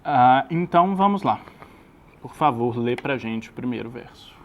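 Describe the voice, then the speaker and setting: A man's voice: medium pitch, animated, moderate pace, narrow, tinny audio, slight background noise. A man teaching an English lesson, explaining patiently and checking that his student follows.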